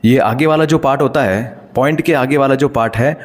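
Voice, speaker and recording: A man's voice: mid-range voice, brisk. A man explaining decimals step by step as a teacher, patient and checking in frequent rhetorical questions. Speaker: math teacher. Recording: long hall reverb.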